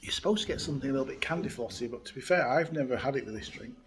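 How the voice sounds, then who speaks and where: A man's voice: mid-range voice, racing. A man, hosting a casual beer review and chatting easily with many fillers, recorded close on a phone or webcam indoors by a window. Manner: chatty, relaxed, frequent uh fillers. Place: indoors by a window in a hotel room.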